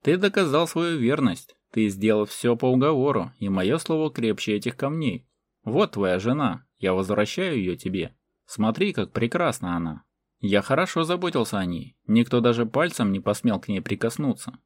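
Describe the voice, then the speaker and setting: A male narrator voicing a proud warlord who declaims in a booming, commanding way. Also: big pitch swings, moderate pace, no room sound.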